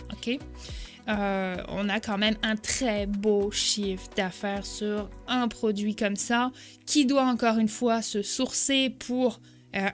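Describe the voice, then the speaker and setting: Chatty Québécoise woman coaching online. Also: fairly high pitch. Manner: chatty, frequent "ok?" check-ins. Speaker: e-commerce coach. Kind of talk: screen-share tutorial.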